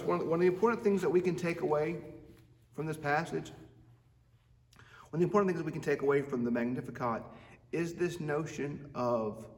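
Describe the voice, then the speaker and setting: A man preaching a reflective devotional sermon as a pastor, with halting, repeated phrases, recorded in a church sanctuary. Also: mid-range voice. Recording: echoey church sanctuary, long reverb, distant mic.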